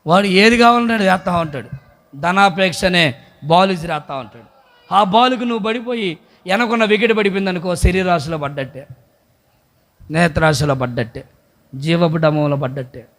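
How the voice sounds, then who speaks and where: A man preaching a sermon as pastor at a church service, swinging between loud exhortation and soft pleading. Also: high voice, normal speed, long pauses.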